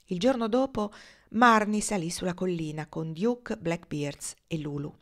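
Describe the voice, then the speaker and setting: A woman's voice: lowish voice, measured pace. A woman reading a novel aloud, lifting her voice for the characters' lines. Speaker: audiobook reader.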